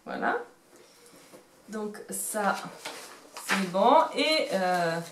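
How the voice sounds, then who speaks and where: A woman's voice: medium pitch, animated, extremely slow, noisy background. Chatty woman with a Marseille accent. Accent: Marseille French. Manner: rambling, self-mocking, hesitant. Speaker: knitting vlogger. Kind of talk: casual show-and-tell chat. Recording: roomy echo.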